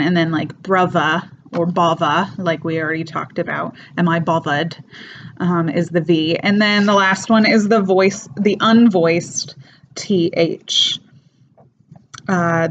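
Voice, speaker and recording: Slow, low-voiced woman giving a lecture. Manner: explanatory, unhurried, with frequent fillers. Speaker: English teacher presenting an accent lecture. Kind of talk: casual spoken lecture. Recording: dull lo-fi recording with faint noise.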